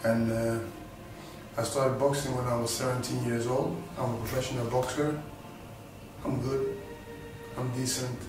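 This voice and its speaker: In an unhurried, flat, mid-range voice, a Senegalese boxer and rapper rambles through a casual introduction to camera, repeating phrases and starting them over. He's indoors by a studio backdrop, recorded from a distance in a very echoey room with music behind.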